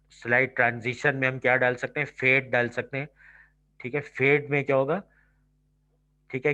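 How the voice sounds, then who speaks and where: Over a video call, a male lab instructor gives an online computer lab lecture in a medium-pitched, bright, forceful voice. He explains each step and checks in with "ठीक है" at every turn, and the computer-mic audio sounds slightly dull.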